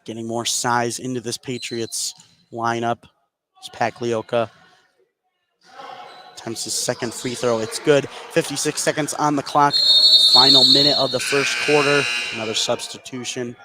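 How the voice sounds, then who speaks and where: With clear gym noise in the background, a play-by-play announcer gives live radio commentary on a basketball game indoors. He speaks at a measured pace in a mid-range voice with little pitch movement, pausing often.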